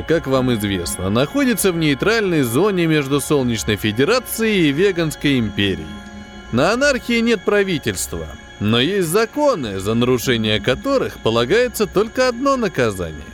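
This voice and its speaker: A man reading an audiobook, voicing a plump, smug male space-station quartermaster who talks in a condescending, falsely sympathetic, drawn-out way. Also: a little high, wildly swooping pitch, faint music behind, pitched above the performer's own voice. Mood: condescending, lecturing. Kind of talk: audiobook character voice.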